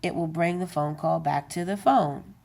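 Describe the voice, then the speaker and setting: Over a crowd in the background, a woman with a low, gravelly voice gives an unscripted how-to demo of a gadget at a moderate pace. She presents tech videos and talks casually, with many fillers and self-corrections.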